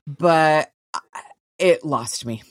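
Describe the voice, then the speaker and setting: A woman co-hosting a podcast, chatting casually about TV shows in a relaxed way, now and then swearing. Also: low-pitched, extremely slow, no room sound, clean studio sound. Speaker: podcast co-host.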